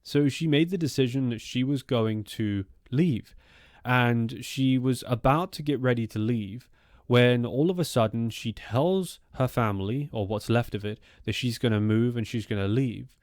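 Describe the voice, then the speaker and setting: A man hosts an informal scary-story narration in an average-pitched male voice. He talks conversationally, wandering into asides as he goes. The sound is dry, with very little room in it. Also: moderate pace, darkish tone, no room sound. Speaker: storytelling host of a channel about strange encounters.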